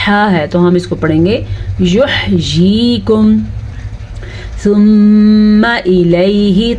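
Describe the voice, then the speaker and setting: A woman teaching Quran recitation with tajweed rules, patiently explaining and then reciting words slowly and drawn out, often checking with the listener. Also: mid-range voice, darkish tone. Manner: asks the listener rhetorical check questions.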